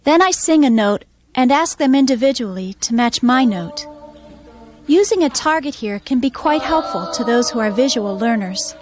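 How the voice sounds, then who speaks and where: A woman music teacher explaining her methods in a calm, measured instructional voice-over. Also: fairly high pitch.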